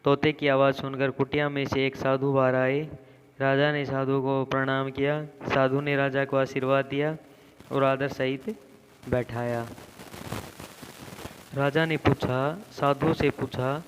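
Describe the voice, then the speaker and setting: Male teacher reading a lesson to little kids, slow and flat, echoey room, bit of hiss. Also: medium pitch. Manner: slow, deliberate storybook reading with frequent "theek hai bachchon". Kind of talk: reading a class lesson aloud to children. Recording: echoey room with faint background noise.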